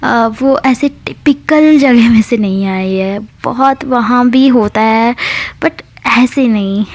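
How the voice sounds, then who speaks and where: A woman's voice: fairly high pitch, slow pace, a little mellow. A woman narrating a love story in a chatty, explaining manner, often breaking off mid-sentence. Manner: chatty, explaining, interrupts herself. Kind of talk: casual spoken story narration.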